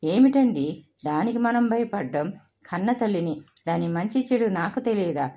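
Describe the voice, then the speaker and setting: A woman's voice: medium pitch, expressive, moderate pace, lo-fi sound, lightly acted. A woman voicing a furious, bitter middle-aged mother who scolds shrilly in a read-aloud family story.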